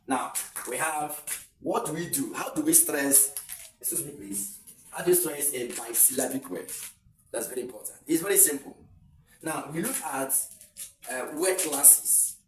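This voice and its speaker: A man's voice: a little high, unhurried, soft background music. Teacher guy, repeats himself a lot, sounds far from the mic in a roomy space. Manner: repetitive, explains step by step. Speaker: English teacher. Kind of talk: exam-prep lesson. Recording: echoey room, mic far off, faint noise.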